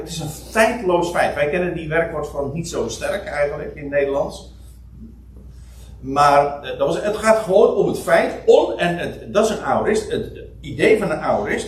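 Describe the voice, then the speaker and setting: A man preaching a Bible teaching sermon, repeating phrases for emphasis and rising in pitch on key points. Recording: echoey room, speaker far from the mic.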